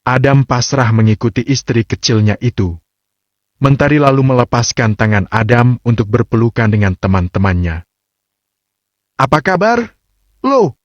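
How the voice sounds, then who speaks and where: Casting: male storybook narrator, mid pitch, dull dry lo-fi recording. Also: fairly even intonation, moderate pace, no echo. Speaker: audiobook narrator.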